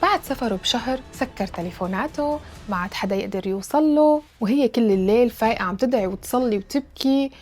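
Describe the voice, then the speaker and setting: A woman storyteller, narrating a true story in a rapid, dramatic retelling. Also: a little high, expressive, a little mellow.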